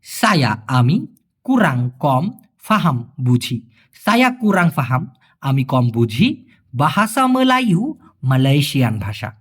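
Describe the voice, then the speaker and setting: A man teaching a spoken language lesson, repeating each phrase slowly and then translating it word by word. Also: fairly high pitch, husky. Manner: lively, sing-song delivery.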